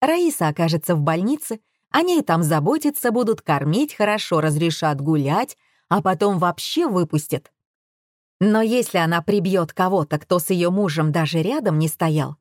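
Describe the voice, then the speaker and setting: A woman's voice: on the low side, no room sound, studio quality, close to an everyday voice. A woman voicing a brash, scheming woman who lectures everyone with full self-assurance. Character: brash scheming woman, shrill and sure of herself.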